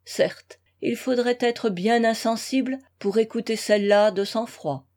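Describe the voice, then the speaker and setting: A grave, brooding husband from an old novel, read by a woman, speaking slowly with restrained bitterness. The manner stays sombre and controlled. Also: fairly high pitch, a little mellow, natural voice. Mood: bitter.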